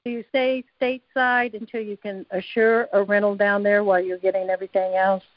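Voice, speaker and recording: A woman calls in to a radio show, her mid-pitched voice heard through a dull, lo-fi phone line. She talks hesitantly and often repeats her words as she asks questions. The sound is dry. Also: flat delivery, a little fast, dry recording, soft background music. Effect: caller heard over a phone line.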